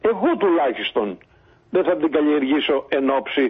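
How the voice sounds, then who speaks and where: A man's voice: fairly high pitch, lively intonation, slightly rough. A man, a politician guest on a radio interview, arguing his point insistently with many hesitations. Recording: phone-line call-in.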